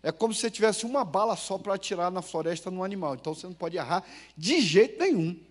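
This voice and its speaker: A Brazilian pastor delivers a sermon to his congregation in a high voice. He tells homely stories and throws questions to the pews, swinging from loud bursts to hushed asides. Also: fast talker. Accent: Brazilian Portuguese. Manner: storytelling, lively swings between loud and hushed. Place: church.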